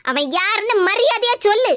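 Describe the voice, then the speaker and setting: Woman doing a squeaky scolding cartoon mother. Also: animated, brisk, fairly bright tone. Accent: Kanyakumari Tamil. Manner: scolding, nagging. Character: scolding suspicious mother of a grown daughter. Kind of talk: cartoon comedy dub.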